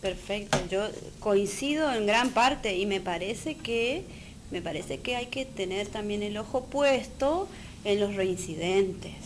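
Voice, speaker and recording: A woman's voice: medium pitch, slow. A woman with an Argentine Spanish accent, a guest on a political talk show, speaking firmly and earnestly. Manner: firm, earnest, uses fillers. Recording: faint background noise.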